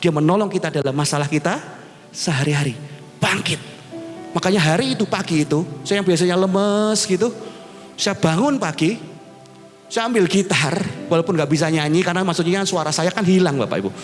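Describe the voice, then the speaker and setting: A male pastor preaching a sermon to his congregation, animated and addressing them directly. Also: high voice, a little fast. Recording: reverberant hall with music behind.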